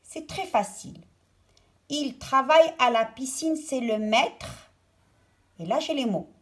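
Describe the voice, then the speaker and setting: A woman teacher giving a pronunciation lesson to children, saying single words slowly and with exaggerated care. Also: high voice, lively intonation. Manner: slow, deliberate, over-articulated word drills.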